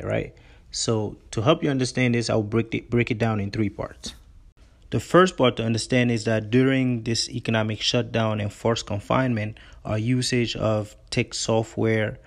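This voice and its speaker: Gravelly-voiced man hosting a finance podcast. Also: on the low side. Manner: earnest, explanatory, repeats words when restarting. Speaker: podcast host.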